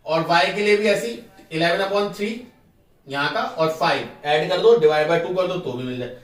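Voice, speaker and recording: A man with a fairly high voice teaches a math class, walking through each step and firing quick questions at his students. He on terms. The sound is roomy and echoey, with him standing a bit back from the mic. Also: distant mic.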